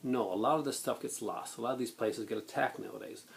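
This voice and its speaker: A man in a blunt, exasperated rant to viewers, halting and then bursting into emphasis. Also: mid-range voice, gravelly. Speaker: video blogger. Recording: noticeable background noise.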